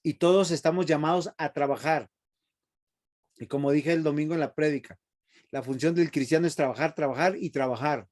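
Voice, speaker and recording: A man's voice: a little high, brisk, darkish tone. A man teaching a seminary Bible class, emphatic and often asking the class rhetorical questions.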